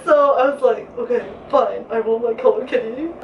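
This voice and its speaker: A woman's voice: fairly high pitch, brisk, a little hiss or hum. A young woman from Malaysia chatting casually as a vlogger, laughing often and saying "like" a lot. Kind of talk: casual chat. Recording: roomy sound from a distant mic, slightly dull.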